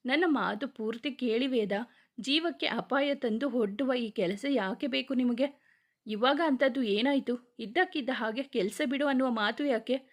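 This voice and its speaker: A woman's voice: a little high, a little slow. A woman reading the part of a worried young wife who pleads and argues emotionally. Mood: pleading.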